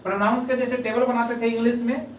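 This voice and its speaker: High-voiced man teaching in an echoey room. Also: flat delivery, fast, slight background noise. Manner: repetitive drilling, asks and answers own questions. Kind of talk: classroom lesson. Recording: echoey room, mic at a distance.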